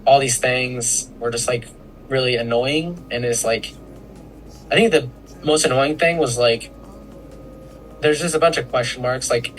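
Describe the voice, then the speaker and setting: A man's voice: medium pitch, a bit bright, slight background noise, low-quality recording. Young male student, casual, no-frills delivery. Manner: casual, plain-spoken. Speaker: student interviewee. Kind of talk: casual interview answer.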